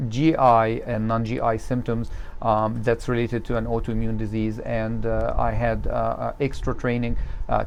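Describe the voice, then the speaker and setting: Halting man, gravelly voice. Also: medium pitch, a little mellow. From Egypt. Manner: halting, many uh and um fillers. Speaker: gastroenterologist. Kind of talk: unscripted self-introduction.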